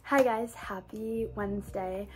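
A woman's voice: medium pitch, steady tone, unhurried, loud music behind the voice. A young woman, a college student, chatting casually to her phone camera in a small dorm room, breezy and full of fillers. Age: young adult. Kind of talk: casual vlog talk to camera. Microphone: phone camera at arm's length.

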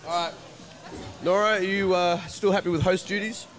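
A man's voice: high voice, fairly even intonation, normal speed, faint music behind. An Australian man hosting a podcast as casual chat, chatty and swearing freely while asking eager questions. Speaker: podcast host. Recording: loud crowd chatter behind.

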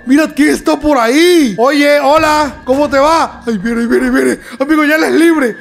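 A young man commenting on a horror video game in an excitable way, yelping, laughing and talking straight to his viewers. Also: very high voice, unhurried, vocal fry. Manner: excitable, yelps and laughs, talks to viewers as "amigos". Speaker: gaming YouTuber.

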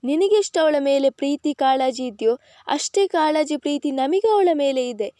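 A woman voicing a calm husband who reassures his wife about their daughter. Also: sits high, moderate pace, dry recording, studio quality. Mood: soothing.

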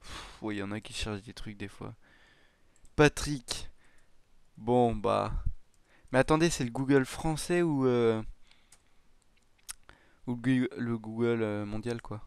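A man's voice: mid-range voice, slow pace, long pauses, a little mellow, smooth, dry recording. A man giving casual let's-play commentary, thinking aloud with hesitant, self-mocking remarks and frequent chuckles. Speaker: gaming YouTuber.

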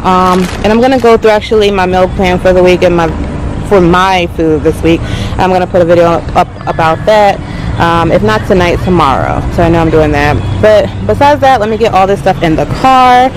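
A woman's voice: lowish voice, brisk, noisy background. Chatty young woman vlogging outdoors. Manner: chatty, rambling with many ums and likes. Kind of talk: casual vlog chat. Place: outdoors in a parking lot by a car. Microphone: handheld camera close to face.

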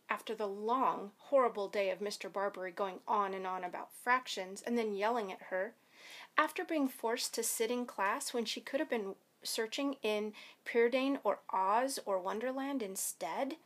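A woman elementary school teacher reading a children's novel aloud to her students in a lively, expressive storytelling way. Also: medium pitch.

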